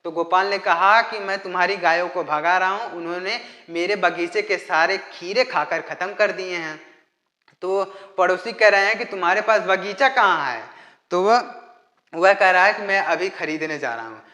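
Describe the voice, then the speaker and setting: A man teaching an English lesson, explaining a story in Hindi and translating it phrase by phrase in a slow, deliberate way. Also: high-pitched, fairly even intonation, pushed and bright, echoey room, big-room sound.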